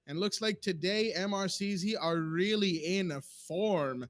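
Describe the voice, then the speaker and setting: A man doing play-by-play esports commentary who gets excitable and loud when the action picks up. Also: a little slow. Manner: excitable, voice jumps high in big plays. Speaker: esports caster.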